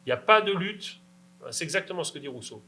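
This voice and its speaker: A man's voice: a little high, expressive, quick pace, sharp tone, low-quality recording. A man answering questions after a lecture, emphatic and insistent, checking in with his audience. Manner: emphatic, insistent, rhetorical "d'accord?". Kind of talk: academic Q&A answer.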